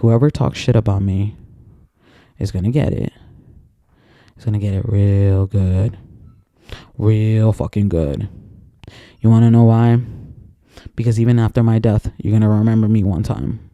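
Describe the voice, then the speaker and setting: A man's voice: fairly low pitch, steady tone, a little slow, pauses often, mellow, dry recording, dull audio. A man in an angry, profane, rambling personal rant to camera, repeating himself as he gets worked up. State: emotionally worked up.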